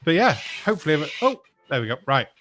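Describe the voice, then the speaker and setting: A man's voice: on the high side, big pitch swings, fairly bright tone, a little hiss or hum. A man hosting a casual poker stream, telling bad jokes and drawing out his reactions. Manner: joking, drawn-out reactions.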